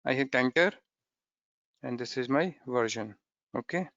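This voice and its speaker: A man's voice: medium pitch, expressive, measured pace, fairly bright tone, no room sound, highs cut off. A man teaching a coding tutorial step by step, often checking in with "okay?", in non-native English phrasing. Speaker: programming instructor. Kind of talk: screen-recorded coding tutorial.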